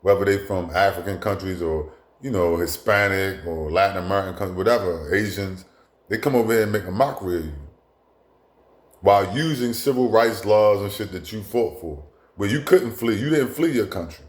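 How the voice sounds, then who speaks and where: A man's voice: low-pitched, a little fast. Blunt, profane man in an echoey room. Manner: blunt, profane, repetitive with many asides and restarts. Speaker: commentator. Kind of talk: casual monologue.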